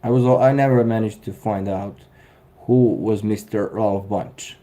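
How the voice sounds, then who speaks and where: A man's voice: fairly low pitch, fairly even intonation, measured pace, mellow. Dry, sarcastic Serbian-accented man. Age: 30s. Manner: dry, sarcastic, chuckles often. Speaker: live-stream host. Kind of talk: casual live-stream chat reading viewer comments.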